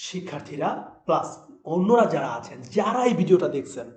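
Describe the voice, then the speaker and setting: A man teaching English vocabulary in Bengali, talking straight to viewers with quick questions that he answers himself. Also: on the high side. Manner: lively, talks to viewers directly with quick asks and answers. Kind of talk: explanatory lesson narration. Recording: roomy echo.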